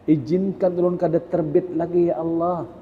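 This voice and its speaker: A man's voice: on the high side, level tone, normal speed, voice pushed up, close to an everyday voice. A man voicing the sun as a weary spirit pleading respectfully with God, in an echoey hall. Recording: echoey hall, muffled, faint noise.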